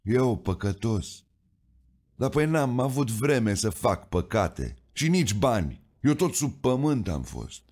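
A man's voice: medium pitch, very animated, darkish tone, pitched above the performer's own voice. A man voicing a stubborn, plainspoken old coal miner who pleads his case with earnest defiance. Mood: sheepish.

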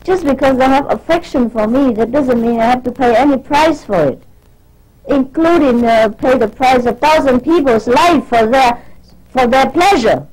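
A woman spiritual teacher speaks to her disciples in a high voice. She scolds them in an informal, unscripted sermon, stumbling over repeated words and pressing them with rhetorical questions. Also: unhurried, darkish tone, low-quality recording.

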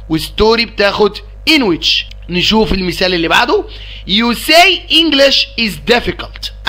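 Egyptian guy teaching grammar, high bright voice, keeps asking if everyone got it. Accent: Egyptian Arabic. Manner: energetic, coaxing students, repeats checks like "got it?". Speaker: English teacher. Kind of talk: recorded grammar lesson.

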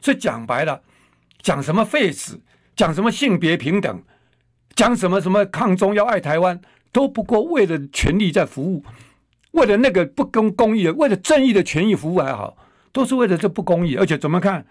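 A man rants through a radio commentary, his voice riding high and swinging widely in pitch. He scolds, mocks and piles up rhetorical questions, recorded close and dry in a studio. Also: big pitch swings, fairly quick, dry recording. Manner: combative, scolding, hurls insults and rhetorical questions. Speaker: radio talk show host. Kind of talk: political commentary monologue.

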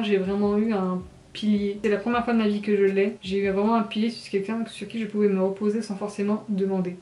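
In an echoey little tiled bathroom, a twenty-something vlogger confides in her audience, holding the camera at arm's length. She speaks quickly with little rise or fall, and her congested, nasal voice comes across a little mellow.

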